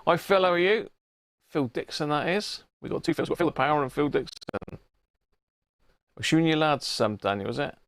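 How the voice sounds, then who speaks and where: Speaking a little fast in a higher, slightly bright voice, this middle-aged man with an English accent runs a radio hobby live stream. He rambles informally and thinks out loud while demonstrating things. Slight background noise comes through his wireless body-pack microphone.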